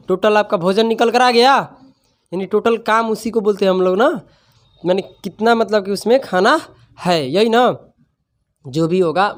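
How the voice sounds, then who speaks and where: A man teaching maths to a class, mixing the lesson with joking, scolding asides. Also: high voice. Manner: teasing, scolding, playful dialect asides.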